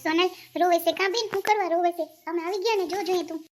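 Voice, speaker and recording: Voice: very high-pitched, fairly even intonation, a little hiss or hum. A voice actor putting on a protective middle-aged mother who chides and comforts her daughter. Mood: comforting. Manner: quick, chiding, comforting. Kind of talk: Gujarati cartoon voice acting.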